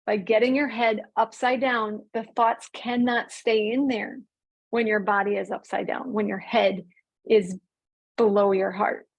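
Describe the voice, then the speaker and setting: A woman teaching an online mindfulness class, speaking calmly and drawing out key words slowly. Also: medium pitch, gravelly, husky, rough recording. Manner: calm, slows and stretches key words. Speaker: mindfulness coach.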